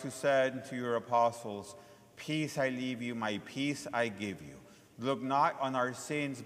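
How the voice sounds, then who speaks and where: A man speaking as a priest, reciting solemn liturgical prayers in a measured, reverent way with a long cathedral-like echo. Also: medium pitch, fairly bright tone, a little hiss or hum. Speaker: priest celebrating Mass. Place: large reverberant church during Mass. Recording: long echo of a large church.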